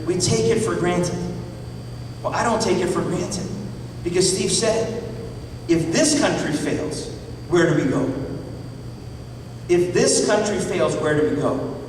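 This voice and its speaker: High but somewhat dark in tone, the voice of this Iranian pastor and public speaker comes at a measured pace with long pauses. He gives a fervent political speech to a live audience, peppering them with rhetorical questions, captured from far away in an echoey meeting hall with slight background noise.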